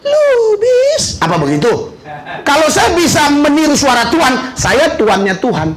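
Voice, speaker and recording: A middle-aged Indonesian male pastor with a notably high voice delivers a sermon. He is animated, tells stories by acting out questions and answers, and peppers his talk with hallelujahs. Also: unhurried, faint music behind. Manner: animated, acts out dialogue with questions, frequent hallelujahs. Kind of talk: sermon with storytelling.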